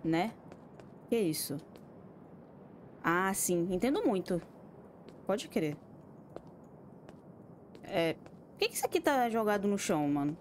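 A woman's voice: mid-range voice, big pitch swings, slow pace, long pauses, slight background noise. A Brazilian woman streaming a horror game, talking to herself in casual commentary, swearing often and jumping at scares. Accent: Brazilian Portuguese. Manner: swears a lot, jumpy and exclamatory.

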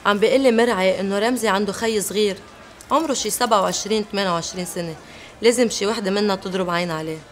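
A woman's voice: medium pitch, rapid-fire, natural voice. An actress playing a woman reporting gossip, with a Lebanese accent, in a TV drama. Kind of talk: TV drama acting.

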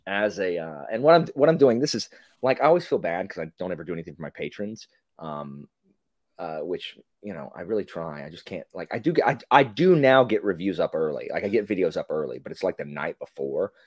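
Speaking briskly in a low voice, a forties-aged man rambles animatedly as a podcast guest over a video call, repeatedly interrupting himself. The recording is studio quality with no room sound.

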